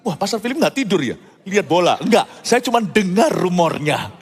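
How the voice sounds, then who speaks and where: A middle-aged man preaching a sermon as pastor, animated and joking with a folksy way of talking. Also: high-pitched, brisk, breathy edge. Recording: reverberant hall with faint music.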